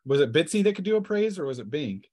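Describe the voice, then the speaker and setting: In a warm, sing-song voice pitched a little high, a man acts as game master at a tabletop RPG. He casually narrates the scenes and rulings, sometimes hesitating as he goes.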